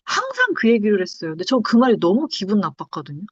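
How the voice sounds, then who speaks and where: Lively, expressive woman sharing her testimony. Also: mid-range voice, fast, breathy edge, no room sound. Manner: expressive storytelling, acts out quoted lines. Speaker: pastor's wife giving testimony. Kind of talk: personal testimony conversation. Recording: dull dry lo-fi sound.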